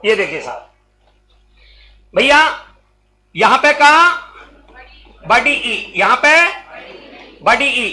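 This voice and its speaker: A man's voice: very high voice, bright, forceful tone, poor audio. A male coaching-class teacher, teaching a Hindi grammar lesson in a classroom and calling questions out to his students. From Rajasthan. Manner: calls out questions to students and repeats answers; slow, drawn-out teaching delivery.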